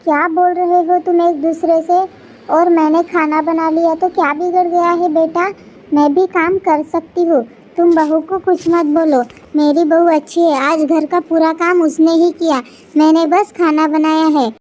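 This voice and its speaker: A woman voicing a gentle older mother-in-law, very high voice. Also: flat delivery, unhurried. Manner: soft and soothing.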